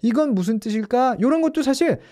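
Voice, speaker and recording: A man's voice: very high voice, expressive, fast, warm tone. A man teaching English in Korean in a casual online lesson, explaining step by step with rhetorical questions.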